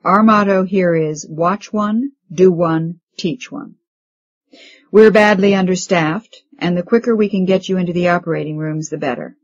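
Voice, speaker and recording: A woman's voice: lowish voice, muffled recording, lightly acted. Woman reading as a stern male hospital chief. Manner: brisk, authoritative lecturing. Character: stern middle-aged male hospital chief briefing residents.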